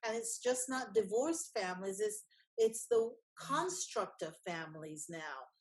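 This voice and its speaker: A woman's voice: mid-range voice, big pitch swings, unhurried. Musing woman instructor thinking aloud. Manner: musing, rambling with restarts. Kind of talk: class discussion.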